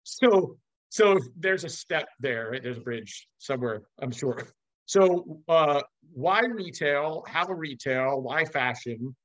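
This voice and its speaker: A man's voice: a little high, animated, slow pace, fairly bright tone, no echo, rough recording. An American man from Los Angeles hosting a casual interview, talking in an expansive, emphatic way. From Los Angeles, USA. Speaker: interview host.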